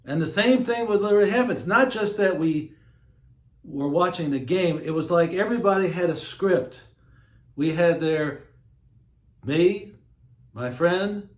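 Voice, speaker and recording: A man hosting his own show, talking in a slow, emphatic, preachy monologue. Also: fairly high pitch, reverberant. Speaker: host. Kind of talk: monologue to camera.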